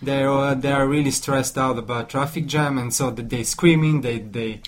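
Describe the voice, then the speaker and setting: In an informal discussion held in his second language, a man from Italy speaks with an Italian accent, halting and repeating words while hunting for phrasing. His voice is mid-range with fairly even intonation, and clear background noise is audible.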